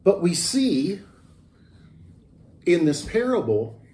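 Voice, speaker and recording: A man's voice: high-pitched, very animated, takes it slowly, darkish tone, roomy sound. A man pastor giving a chatty, storytelling sermon that is full of restarts. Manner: chatty and anecdotal, with many restarts. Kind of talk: conversational sermon.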